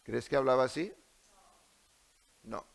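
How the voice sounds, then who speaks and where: A man's voice: medium pitch, a little slow, creaky. A male preacher with a Spanish accent delivering a sermon in a church, asking the congregation many rhetorical questions. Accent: Spain.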